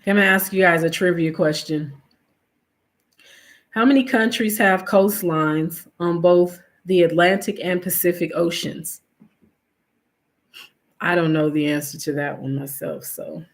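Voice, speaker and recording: Here a livestream host chats with viewers in a lowish, creaky voice, speaking at a measured pace with long pauses. She's nasal and sniffly from allergies, reads off viewer names, and tends to trail off with fillers.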